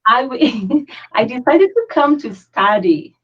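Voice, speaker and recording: A woman's voice: fairly high pitch, animated, slow pace, a little hiss or hum. A woman from Brazil, with a Brazilian Portuguese accent, speaking as a guest in a casual interview, earnest and chatty, sometimes searching for words. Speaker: guest, founder of a pagan community. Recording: dull lo-fi audio.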